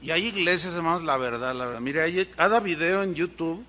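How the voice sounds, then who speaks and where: A man preaching, telling humorous anecdotes in an animated way and imitating sounds. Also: fairly high pitch, fairly quick. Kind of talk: sermon storytelling.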